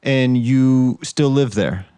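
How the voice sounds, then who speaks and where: A man hosting a music podcast, introducing the episode and asking short, brisk follow-up questions. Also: medium pitch, warm tone, clean tone, no room sound. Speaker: podcast host. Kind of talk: podcast interview.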